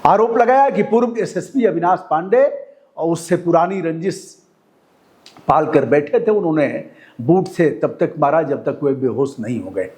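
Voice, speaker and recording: A man's voice: on the high side, lively intonation, unhurried, a little mellow. A male news commentator reading a report and breaking off to scold the police directly in an indignant tone.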